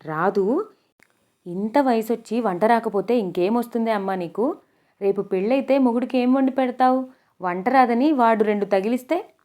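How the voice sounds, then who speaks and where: A woman's voice: fairly high pitch, fairly quick, dark tone, pitched above the performer's own voice, lightly acted. A woman voicing a nosy, tactless older village woman who pries and scolds in a storybook reading. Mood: scolding. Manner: prying, tactless, teasing.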